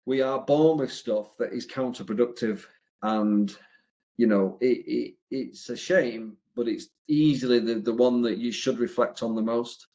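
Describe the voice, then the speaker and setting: Casting: English man, business coach, blunt and profane, rambling casual delivery, mid-pitched voice. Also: a little slow, a little mellow. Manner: blunt, sweary, rambling with many fillers. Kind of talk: casual motivational talk.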